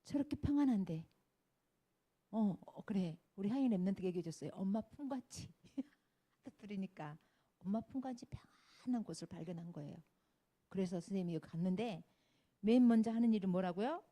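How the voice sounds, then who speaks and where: A woman's voice: medium pitch, animated, fairly quick, mellow. A woman in her fifties teaching a children's Sunday school sermon, telling stories, acting out the people she quotes and asking the children questions. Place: church classroom.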